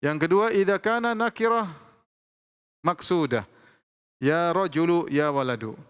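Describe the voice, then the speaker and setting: A man teaching Arabic grammar in a lecture, explaining slowly and repeating each example with frequent checks of "ya". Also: a little high, a bit bright, clear, resonant tone. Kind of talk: classroom lecture. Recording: long hall reverb.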